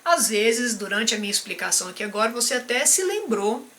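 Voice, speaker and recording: A man with a Brazilian Portuguese accent, a behavior and emotional intelligence coach giving a live-stream teaching talk. He speaks straight to the viewer and keeps checking in with a quick "tá?". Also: high-pitched, animated, bright, forceful tone, a little hiss or hum.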